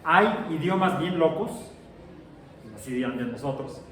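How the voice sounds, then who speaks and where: A man's voice: fairly high pitch, animated, measured pace, fairly bright tone. A middle-aged man teaching a science class, chatty and jokey, asking his students questions as he lectures. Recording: echoey classroom from far off, faint noise.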